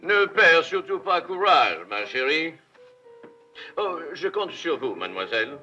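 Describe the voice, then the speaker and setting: An actor playing a witty, gallant gentleman thief posing as a count, in 1950s film style. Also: a little high, sing-song, unhurried, heavily acted. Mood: fatherly. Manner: playful, gallant, ironic. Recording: dull old film soundtrack with music.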